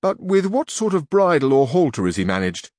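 A man's voice: a little high, sing-song, brisk, a little mellow, no echo, studio quality. A man voicing a grumbling peasant squire. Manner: blunt, grumbling, folksy. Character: complaining stubborn peasant squire, male, middle-aged. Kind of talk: audiobook reading.

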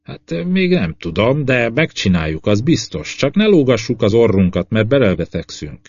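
A man's voice: medium pitch, sing-song, a little mellow, breathy edge, no echo, muffled recording. A man voicing an eager, optimistic male crewman who blurts things out, in an audiobook. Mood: hopeful.

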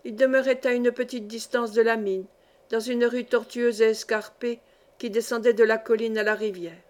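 A woman narrating a classic novel as an audiobook in a measured, steady storytelling voice. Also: on the high side. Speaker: audiobook reader. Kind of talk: scripted narration.

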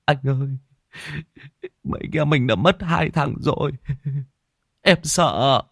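Guy doing a scared crying young guy, higher voice, dry close sound. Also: slow pace, a bit bright, dry recording, full character voice. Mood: fearful. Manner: pleading, breaking off in panic. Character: frightened young man, sobbing younger brother.

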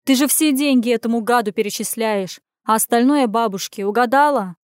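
Женщина, изображающая заботливую властную подругу. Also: female voice, on the high side, fairly quick, clear, resonant tone, no room sound, studio quality, lightly acted. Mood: scolding. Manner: insistent, scolding. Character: caring, bossy young woman friend.

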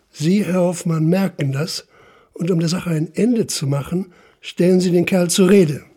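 In a German radio drama, a male actor plays a stern, relentless police investigator interrogating a suspect, narrating as the official. He lays out accusations insistently and deliberately, his voice gravelly yet mellow and fairly high in pitch.

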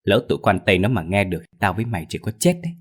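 A man voicing a crude, foul-mouthed male thief who yells, curses and scolds his friend in a raised voice. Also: deep voice, rapid-fire, breathy edge. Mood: scolding. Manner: loud, cursing, scolding.

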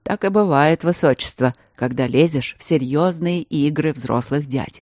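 A woman reading an audiobook, voicing a calm, teasing male mage who lectures patiently. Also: low-pitched, moderate pace, no room sound, studio quality. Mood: patient lecturing. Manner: patient, gently mocking, lecturing.

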